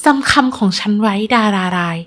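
A woman voicing a cruel, scheming middle-aged stepmother who speaks coldly and harshly, sometimes shouting. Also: moderate pace, lightly acted.

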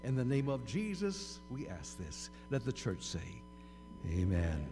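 A man leads an earnest, reverent prayer in a church. His voice is of middle pitch and rings in a long hall reverb, with faint music and a low hum behind it. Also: wildly swooping pitch, a little slow. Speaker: pastor leading prayer. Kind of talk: spoken prayer. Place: church sanctuary.

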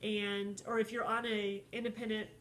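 A woman's voice: mid-range voice, little pitch movement, normal speed, a bit bright, slight background noise. A woman in her thirties hosting a casual travel vlog at home, talking in a friendly, easygoing way with frequent fillers. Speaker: cruise vlog host. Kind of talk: casual chat. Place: living room at home.

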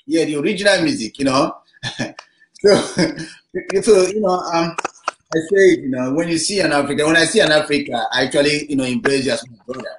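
A man's voice: fairly high pitch, fairly quick. A man hosting a talk show over a video call, affirming his guest with many "you know"s. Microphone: video call webcam. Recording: roomy webcam audio with background noise.

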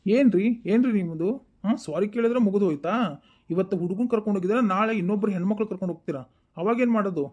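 A woman's voice: medium pitch, dark tone, close to an everyday voice. A woman voicing an angry man who scolds a father who took the wrong child home, in a comedy cartoon dub. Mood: scolding. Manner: scolding, rapid. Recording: dull lo-fi sound.

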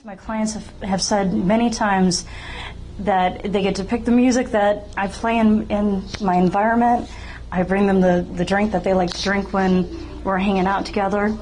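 A woman's voice: mid-range voice, fairly even intonation, normal speed, darkish tone, slight background noise, low-quality recording. Friendly middle-aged woman, salon owner. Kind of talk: testimonial interview. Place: small salon indoors.

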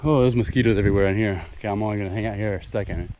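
This man's voice sits on the low side, mellow but racing, as he narrates a hike through a rocky wooded canyon. A hiking vlogger filming outdoors, he talks casually to himself in quick exclamatory bursts. Handling noise and nature sounds come through clearly.

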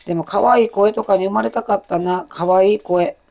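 A woman in her forties with a Kansai accent and a loud, rough-throated voice, chatting in a rambling, self-deprecating way while she cooks. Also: mid-range voice, steady tone, normal speed. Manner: chatty, self-deprecating, jumps between topics. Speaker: cooking vlogger. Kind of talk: casual chat while cooking.

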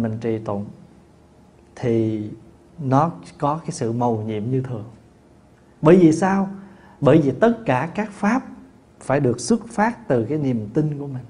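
A man, a Buddhist monk teacher giving a dharma talk in a folksy, conversational way, with many fillers and restarts and lively anecdotes. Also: a little high. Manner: tells lively anecdotes with laughter. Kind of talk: dharma talk answering questions.

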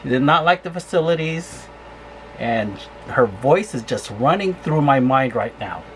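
A woman's voice: a bass voice, lively intonation, a little slow, slight background noise. A woman travel vlogger ranting angrily and swearing about her RV campsite. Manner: furious, profane complaining. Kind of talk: angry vlog rant.

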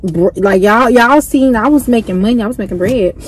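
A woman's voice: a little high, a little fast, poor audio. A young woman vlogs from a parked car. She talks in a candid, chatty way and sprinkles "like" through her sentences. The camera is mounted near the dashboard, with faint ambient noise around her. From Memphis, USA. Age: young adult. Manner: chatty and candid, with frequent "like" fillers. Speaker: vlogger. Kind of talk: casual vlog chat.

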